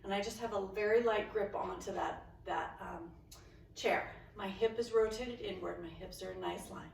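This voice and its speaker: A woman leading a pilates and barre workout at home, giving steady cues and counting reps out loud with encouragement. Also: medium pitch, normal speed, gravelly, roomy sound, distant mic, a little hiss or hum, low-quality recording. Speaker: fitness instructor. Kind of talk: guided workout instruction.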